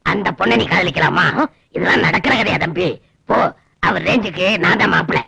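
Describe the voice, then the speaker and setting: An actor playing a boastful armless groom in a comic film, brash and indignant. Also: male voice, high voice, fairly quick, creaky, bright, forceful tone, husky, exaggerated voice. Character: boastful armless man, fortune-hunting groom.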